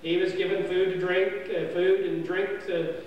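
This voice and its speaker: A man's voice: high-pitched, flat delivery, a little slow, lo-fi sound. An older man, a camp storyteller, telling a folksy history tale in a rambling, homespun way with many fillers and restarts, recorded indoors in a dining hall on a far camera. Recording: roomy hall echo from far off, faint hum.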